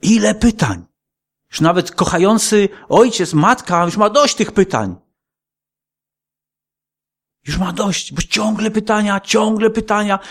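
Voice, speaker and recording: Man, pastor, higher-pitched voice, sermon in a church, talky preaching with rhetorical questions. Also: moderate pace, hardly any pauses, fairly bright tone. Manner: conversational preaching, rising to emphatic peaks, frequent rhetorical questions.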